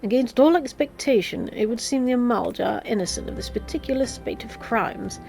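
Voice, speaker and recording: Woman reading as a formal, higher-pitched noble leader lady. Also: a little fast, vocal fry, darkish tone, soft background music. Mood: pensive. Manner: formal, long-winded. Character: earnest, wordy noblewoman leader in fantasy game. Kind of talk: video game dialogue read aloud.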